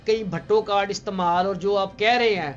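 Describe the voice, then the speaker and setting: Male talk show host, high voice, probing questions, slightly muffled audio with faint music. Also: fairly even intonation. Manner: probing, pushes back with follow-up questions. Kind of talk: interviewing a guest on a political talk show.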